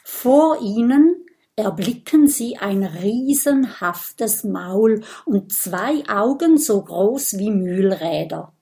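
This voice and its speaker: A woman narrating a children's audiobook in a slow, clear storytelling manner. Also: medium pitch, dark tone.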